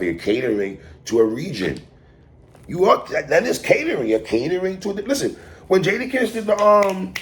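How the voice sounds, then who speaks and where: A man with a New York accent giving casual, opinionated music commentary in an emphatic, repetitive, slangy way, as if talking straight to someone. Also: fairly low pitch. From New York City. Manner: emphatic, repetitive, slangy, addressing the artist directly. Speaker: hip hop album reviewer.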